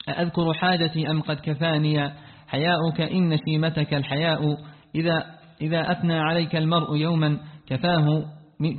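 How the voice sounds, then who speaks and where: Man, student reader, rapid, monotone, phone-like sound, long reverb. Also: fairly high pitch, slight background noise. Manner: rapid reading with frequent restarts after stumbles. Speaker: student reading the text aloud. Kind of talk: reading a classical text aloud in class.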